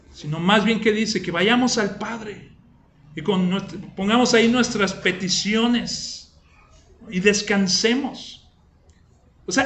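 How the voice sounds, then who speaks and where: A man's voice: high voice, a bit bright, roomy sound, a little hiss or hum. A man preaching a sermon in a conversational way, often asking his listeners rhetorical questions. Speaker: pastor.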